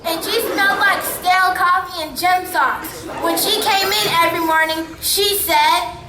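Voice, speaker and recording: A young woman narrating a school stage play in an expressive, wry storytelling manner. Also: extremely high pitch, unhurried, a crowd in the background, noisy background. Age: young adult. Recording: echoey auditorium from far off.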